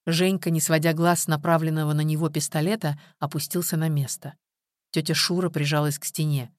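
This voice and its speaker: An audiobook narrator reading a crime story in a measured, dramatic way. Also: mid-range voice, flat delivery, no room sound, clean studio sound. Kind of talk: scripted narration.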